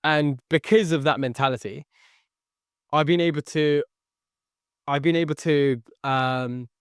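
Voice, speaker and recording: Speaking slightly slowly in a smooth, fairly high voice, a young man shares his life story on a podcast with earnest repetition and frequent "okay"s. He is a sales entrepreneur born near London, raised in the Philippines, whose first language was Tagalog. The sound is dry and clean, studio-grade.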